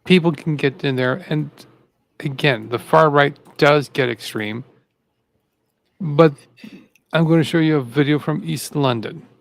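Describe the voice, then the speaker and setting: A man's voice: on the high side, unhurried, vocal fry, pauses often, no echo. A man co-hosting a live political talk show, rambling and repeating himself as he gets fired up. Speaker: co-host. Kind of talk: casual political commentary.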